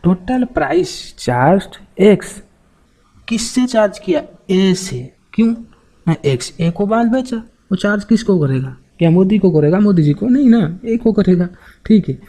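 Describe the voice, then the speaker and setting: A man's voice: high voice, lively intonation, measured pace, mellow, poor audio. A man teaching an online accounting class, talking in a chatty, joking way and often checking back with his students. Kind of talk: informal classroom lecture.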